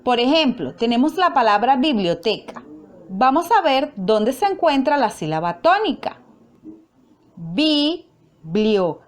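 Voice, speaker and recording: A woman teacher giving a recorded grammar lesson, speaking slowly and carefully, breaking words into syllables. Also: high voice, big pitch swings. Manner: slow, careful, spelling out syllables.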